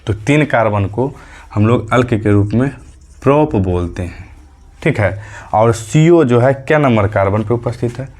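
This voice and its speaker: A man's voice: medium pitch, animated, moderate pace, a little mellow. A male chemistry teacher giving a medium lesson, patiently repeating key terms as questions and counting aloud step by step, with a light tinge. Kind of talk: classroom lesson.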